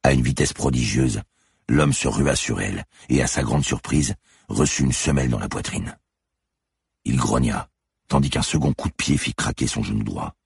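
A man reading a thriller audiobook aloud in a measured, dramatic way. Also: extremely low pitch, vocal fry, husky, no room sound, studio quality. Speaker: audiobook narrator. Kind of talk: scripted narration.

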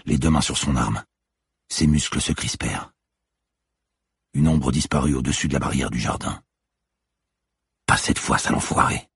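A man narrating a thriller audiobook in a tense, measured way. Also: a bass voice, husky, no room sound, clean studio sound.

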